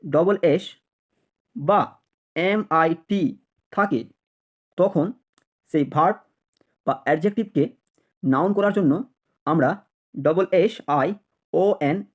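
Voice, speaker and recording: ধীরে ধীরে বানান করে পড়ানো শিক্ষিকা. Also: female voice, on the low side, a little mellow, highs cut off. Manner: slow, repeats each word several times, spells words letter by letter. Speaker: teacher. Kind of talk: spelling and pronunciation lesson.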